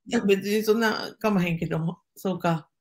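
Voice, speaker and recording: A woman's voice: medium pitch, normal speed, a little mellow. Easygoing older Kansai woman. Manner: easygoing, matter-of-fact advice. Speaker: host's mother, guest. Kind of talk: casual chat.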